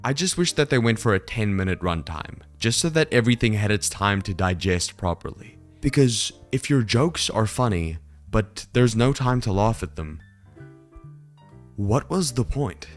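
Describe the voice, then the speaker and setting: A man with a fairly low voice hosts a video review. His delivery is scripted but casual, with wry deadpan asides, over quiet background music. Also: normal speed. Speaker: video commentary host.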